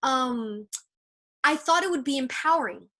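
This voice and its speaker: A woman's voice: sits high, lively intonation, a little slow, pushed and bright. A woman hosting a casual interview, chatting eagerly and telling stories over a video call. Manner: enthusiastic, chatty storyteller. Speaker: interview host.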